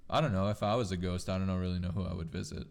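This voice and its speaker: A man with a fairly low voice talks casually as a podcast co-host. He rambles through stories in an animated way and curses freely as he goes. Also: racing, vocal fry. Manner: swears freely. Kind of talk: casual chat and storytelling.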